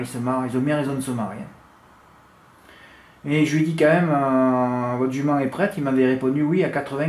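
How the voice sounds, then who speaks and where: A man with a noticeable accent that others laugh at gives horse racing tips in a casual monologue, cracking crude jokes with big swings in pitch and loudness. The sound is roomy, with a little hiss or hum.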